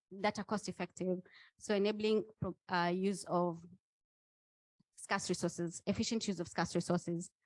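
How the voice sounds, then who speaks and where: A woman's voice: medium pitch, darkish tone, dry recording. A woman facilitating a training session, explaining points didactically and turning to the room.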